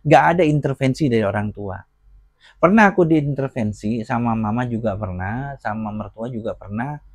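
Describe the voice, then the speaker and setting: A middle-aged man, a preacher being interviewed, telling his life story in casual, reflective speech that often drops quieter. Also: mid-range voice, normal speed, breathy edge, no echo. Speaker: guest, convert preacher.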